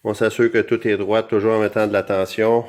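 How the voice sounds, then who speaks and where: A man's voice: lowish voice, little pitch movement, a little fast, darkish tone. Québécois man with altered voice. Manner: chatty, talks directly to viewers. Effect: electronically altered voice. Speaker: DIY show host. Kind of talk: casual how-to explanation.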